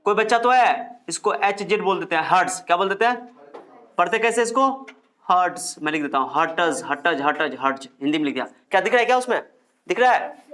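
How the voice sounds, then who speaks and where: A man's voice: high voice, expressive, brisk, fairly bright tone. A male physics teacher lecturing a classroom, repeating key terms and firing questions at his students.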